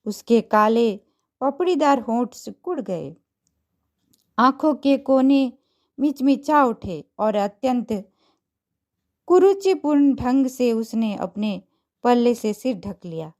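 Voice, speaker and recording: A woman reading a short story aloud as a storyteller, in a measured, expressive narration. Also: fairly high pitch.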